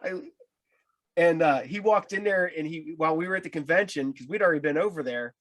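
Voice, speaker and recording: A man's voice: on the high side, brisk, fairly bright tone. An American man chatting casually as an interviewer, telling anecdotes in a loose, rambling way. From Ohio, United States.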